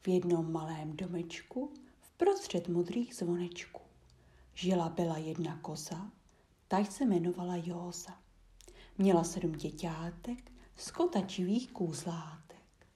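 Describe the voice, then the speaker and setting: A woman whispering a rhyming fairy tale in a soft, rhythmic way. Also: fairly low pitch. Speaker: storyteller.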